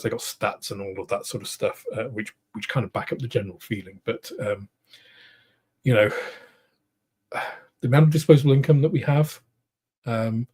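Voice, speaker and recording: A middle-aged man with a British accent, hosting a casual livestream, answering viewers in a rambling, thoughtful way with many pauses and restarts. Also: medium pitch, darkish tone, husky. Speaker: host of a model-making livestream. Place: home studio room.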